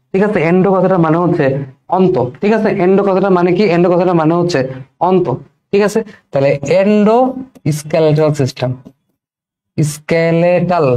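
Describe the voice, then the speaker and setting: A young male biology teacher, his voice set a little high for a man. It has a soft, mellow tone. He repeats each key term several times and keeps checking that students are following. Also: rough recording. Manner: repeats key terms and keeps asking "okay?". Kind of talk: recorded exam-prep lesson.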